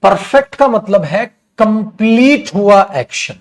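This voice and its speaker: A man teaching an exam-prep English class while running a fever, animated and addressing students as son and brother. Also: sits high, takes it slowly. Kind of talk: classroom lecture.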